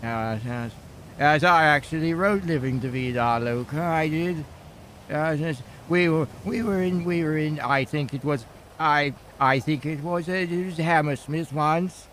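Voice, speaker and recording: Younger man faking old, elderly British grandad, doddery, rambling, repetitive stammer, raised pitch, game role-play, faint vehicle ambience. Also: unhurried, fairly bright tone, slight background noise. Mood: reminiscing. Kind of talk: improvised online role-play.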